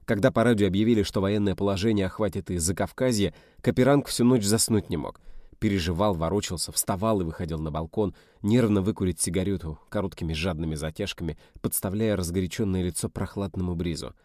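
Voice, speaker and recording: A man reading a novel aloud in a steady, measured storytelling voice. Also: deep voice, no echo, clean studio sound. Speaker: audiobook reader. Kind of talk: scripted narration.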